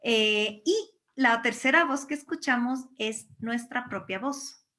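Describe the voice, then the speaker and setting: A woman from Guatemala preaching a sermon, lively, acting out quoted voices and often asking her listeners "¿no es cierto?". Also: on the high side, unhurried.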